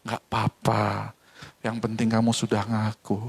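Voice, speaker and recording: A man voicing a kind older neighbor who gently forgives a boy. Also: on the low side, completely flat delivery, unhurried, creaky, slightly rough, voice pushed down, heavily acted. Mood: gentle. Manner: soft, gentle, fatherly.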